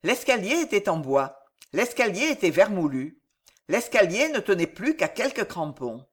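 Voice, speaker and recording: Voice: medium pitch, very animated, normal speed, breathy edge. An audiobook narrator reading a historical adventure novel in a dramatic, rhythmic way.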